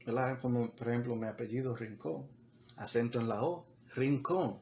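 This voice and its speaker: A man's voice: medium pitch, fairly even intonation, brisk, a little mellow, a little hiss or hum. A man preaching a sermon as pastor, talking conversationally with repeated words and building to emphatic peaks, mixing in English words.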